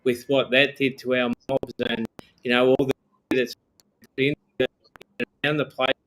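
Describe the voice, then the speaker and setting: A man hosting an interview over a video call, his speech halting and fragmented as the connection breaks up. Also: mid-range voice, level tone, a bit bright, rough recording. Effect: breaking-up, freezing video call connection. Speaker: interview host.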